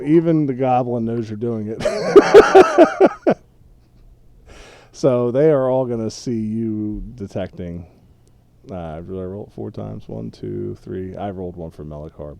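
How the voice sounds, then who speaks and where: A man's voice: on the low side, expressive, a little slow, creaky, mellow. A man running a tabletop game as game master, patiently explaining the rules to his players.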